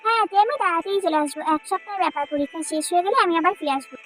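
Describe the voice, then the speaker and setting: A woman voicing a caring young village man who teases softly, with quiet music behind. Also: extremely high pitch, very fast. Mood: teasing.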